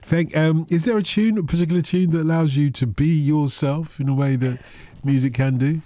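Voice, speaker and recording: A man's voice: a little high, moderate pace, mellow. A man with a Liverpool accent presenting a radio phone-in, playful and bantering with his co-host and callers. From Liverpool, England. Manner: playful, bantering, laughs often. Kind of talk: jokey radio phone-in chat. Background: music.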